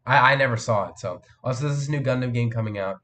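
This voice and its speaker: A man's voice: mid-range voice, fast, pushed and bright. Teen male streamer, sick with a cold, loose rambling chat host. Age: teens. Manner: rambling, answers chat, many fillers and restarts. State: has a cold, voice cracks. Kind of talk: casual live stream chat.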